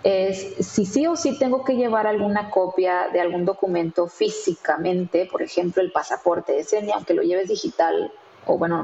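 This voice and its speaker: A woman's voice: mid-range voice, darkish tone, reverberant, muffled recording, slight background noise. A woman, a guest in an interview, telling a story in a chatty way with many fillers and tag questions. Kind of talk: conversational storytelling.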